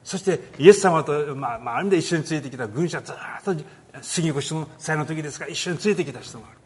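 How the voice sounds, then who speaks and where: A man giving a sermon on a Bible passage, talking in a lively way with many pauses and filler words. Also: a little high, slightly rough. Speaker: pastor.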